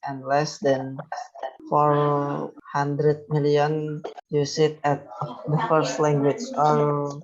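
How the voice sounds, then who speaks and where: A young student reading part of a class presentation with frequent pauses. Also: medium pitch, completely flat delivery, lo-fi sound. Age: young adult.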